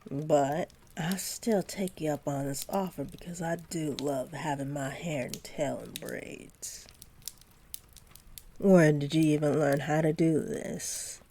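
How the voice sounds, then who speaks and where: This roleplay audio features a woman acting as an adoring young centaur girlfriend who talks closely and lovingly to her partner with playful sweetness. Her voice is deep and dark-toned, and she takes her time.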